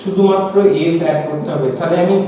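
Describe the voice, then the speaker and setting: A man's voice: sits high, steady tone, fast, dark tone, slight background noise. A man with a Bengali accent teaching a grammar lesson, asking his students questions and then answering them himself. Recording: echoey room from far off.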